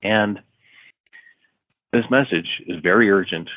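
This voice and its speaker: Deep-voiced man on a tinny line. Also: slow pace, no room sound. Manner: rambling, many fillers and restarts. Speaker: author guest. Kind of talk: podcast interview, retelling a story. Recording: tinny phone-like line, dry.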